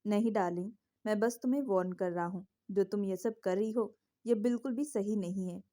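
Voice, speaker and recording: Woman voicing a possessive young man, low and teasing. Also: fairly quick, mellow, natural voice. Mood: warning.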